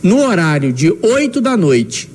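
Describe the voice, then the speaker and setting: A man's voice: high-pitched, very animated, a little slow, a little mellow, husky. A man giving a live sports radio report remotely from home. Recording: remote home link, faint background noise.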